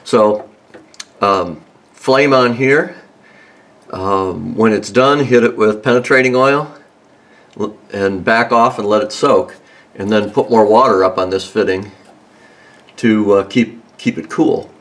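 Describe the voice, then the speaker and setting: A man casually showing how he does a car repair, relaxed and rambling, with many ums and restarts. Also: fairly low pitch, slow, long pauses. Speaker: home mechanic host. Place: under a car in a garage.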